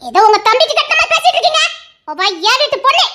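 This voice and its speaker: A woman's voice: very high-pitched, sing-song, racing, very noisy. A woman voicing a defiant middle-aged mother who sharply scolds the man who wants her daughter. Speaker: bride's mother.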